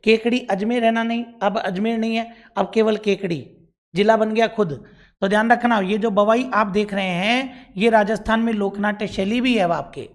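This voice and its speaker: A man's voice: high-pitched, steady tone, normal speed. Man, Rajasthani accent, exam-prep teacher, repeats points, quizzes himself aloud. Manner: repeats key points, asks and answers own questions; addresses viewers as bhaiya and bhai sahab.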